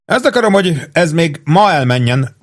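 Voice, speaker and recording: A man's voice: fairly high pitch, big pitch swings, pitched above the performer's own voice. A man doing a pompous, fussy army captain. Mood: bossy.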